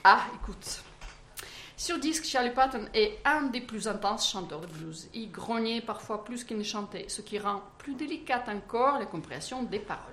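A woman's voice: on the high side, animated, moderate pace, a bit bright, slight background noise. Woman reading aloud in a roomy studio. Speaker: radio music columnist. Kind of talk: radio chat and reading from a book.

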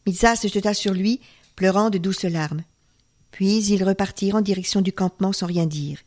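A woman storyteller reading a folk tale aloud, expressive and dropping to a hush at tense moments. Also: medium pitch, moderate pace.

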